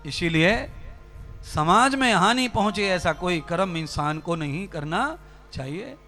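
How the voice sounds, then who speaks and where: This man preaches with a very high, bright voice, and he speaks straight to his listeners. He drives his points home with rhythmic repeated phrases. Soft music plays behind him. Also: animated, measured pace. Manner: exhorting, direct address to listeners, rhythmic repetition. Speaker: spiritual preacher. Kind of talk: sermon.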